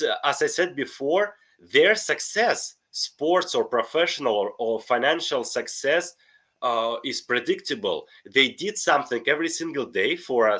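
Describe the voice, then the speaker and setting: A middle-aged life coach with a Russian accent speaks earnestly and enthusiastically as a guest in a podcast interview, often restarting his sentences. His voice is medium in pitch, pushed and bright.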